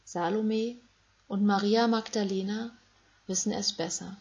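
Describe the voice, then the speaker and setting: A woman reading a Bible story aloud in a calm, measured way, with short phrases. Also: mid-range voice, slightly rough. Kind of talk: scripted Bible story narration for children.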